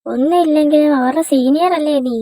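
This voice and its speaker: A young woman voicing a lively, quick-tongued female first-year student who squabbles with her friends in an amateur dubbed romance drama. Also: high-pitched, over music. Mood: chatty. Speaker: fan dub voice actor.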